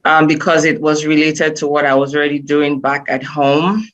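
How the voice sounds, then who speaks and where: A woman's voice: deep voice, fairly even intonation, moderate pace. Woman from nigeria, assistant principal intro, friendly, dull recording. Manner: friendly, laughs lightly while telling her path. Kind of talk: self-introduction in a video clip. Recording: dull clip audio.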